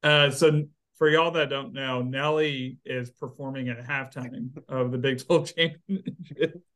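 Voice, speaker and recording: A man co-hosting a casual sports podcast, chatty and quick to laugh. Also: mid-range voice, steady tone, bright, forceful tone. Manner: laughs often, loose and chatty. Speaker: podcast co-host.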